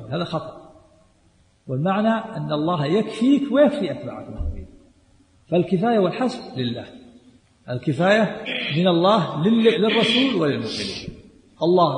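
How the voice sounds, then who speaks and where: A man giving a religious lesson on a book, emphatic and repetitive, dropping into quiet asides. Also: on the high side, slight background noise. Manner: emphatic, repeats key points, drops to quiet asides. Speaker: Islamic scholar teaching a text. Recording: echoey hall recording.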